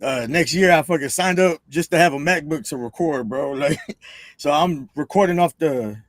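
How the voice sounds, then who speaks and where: A man's voice: a little high, moderate pace, no room sound. A man hosting a podcast, chatting casually in a laid-back, slangy way, tossing in "bro" often. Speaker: podcast host. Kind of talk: casual chat.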